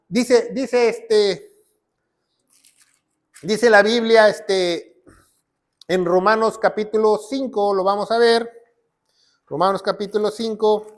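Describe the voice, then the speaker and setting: A man's voice: sits high, steady tone, slow, long pauses. A man preaching. He presses his points by repeating short phrases and reciting scripture, teaching his listeners. His voice sometimes drifts off the mic. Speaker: pastor. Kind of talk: sermon teaching.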